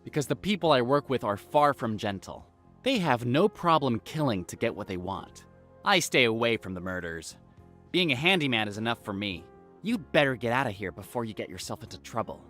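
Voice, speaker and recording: A man's voice: medium pitch, sing-song, a little fast, a bit bright, soft background music. Brash, cocky handyman. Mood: warning. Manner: brash, boastful, confrontational. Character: cocky, hostile man, arcade-loving handyman. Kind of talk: video game voice acting.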